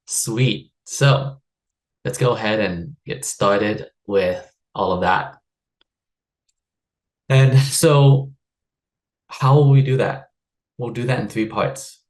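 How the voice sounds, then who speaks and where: Over a video call, a fairly low-pitched stress and wellbeing coach who grew up in the United States, around Seattle, leads a live workshop in a chatty, upbeat manner with frequent laughter and fillers.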